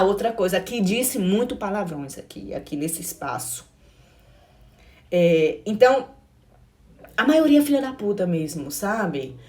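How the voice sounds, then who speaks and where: A woman's voice: medium pitch, a little mellow. A middle-aged Brazilian woman teaching exam prep in a passionate, blunt pep talk, repeating herself and swearing now and then. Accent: Brazilian Portuguese. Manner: emphatic and blunt, repeats phrases, calls listeners "meu amor", swears.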